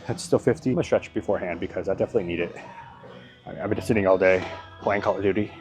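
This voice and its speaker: Guy with a lowish voice chatting thru his leg day at home, rambly, faint music behind. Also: racing. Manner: rambling, thinks aloud, hedges and swears casually. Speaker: fitness vlogger. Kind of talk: casual workout commentary.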